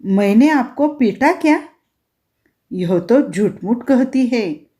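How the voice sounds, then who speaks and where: A woman's voice: a little high, lively intonation, slow pace, warm tone. A woman doing a cheeky little boy. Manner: innocent, cheeky. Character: naughty cheeky young boy.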